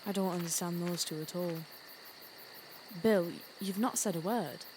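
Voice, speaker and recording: A young actress playing an earnest, kind-hearted teenage girl in an audio play, gentle and wistful. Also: on the low side, a little slow, background noise, close to an everyday voice. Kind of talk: youth theatre audio play.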